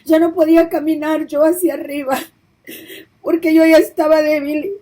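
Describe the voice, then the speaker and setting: A woman's voice: high-pitched, level tone, normal speed, dark tone, rough recording. A woman preacher giving an emotional testimony of a vision, her voice breaking into tears as she pleads and repeats herself. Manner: repetitive, pleading storytelling.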